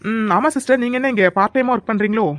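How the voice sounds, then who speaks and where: A woman's voice: fairly high pitch, steady tone, fast talker, dry recording, lightly acted. Woman voicing a joking young man. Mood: friendly. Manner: friendly, joking. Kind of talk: cartoon dialogue.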